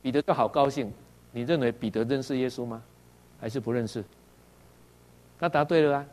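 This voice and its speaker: A man's voice: medium pitch, brisk, a little mellow. A man from Taiwan with a Taiwanese Mandarin accent, preaching a sermon and often tagging lines with "ha" while asking his listeners questions. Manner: tags sentences with "ha" and asks the audience questions; acts out quoted dialogue in varied voices.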